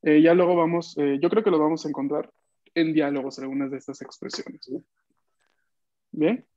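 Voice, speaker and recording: A man's voice: fairly high pitch, fairly even intonation, normal speed, dark tone. A man teaching an online class, patiently repeating phrases for students to echo back. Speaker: language teacher. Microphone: video call. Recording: dull dry video-call audio.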